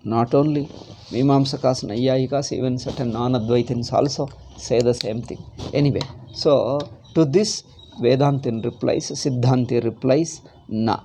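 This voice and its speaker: A man's voice: mid-range voice, measured pace, dark tone, slight background noise. A man with a South Indian accent teaching scripture in a lecture style, explaining emphatically with repetition and rhetorical questions. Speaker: Vedanta teacher. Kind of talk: spoken scriptural lecture with Sanskrit quotation and commentary.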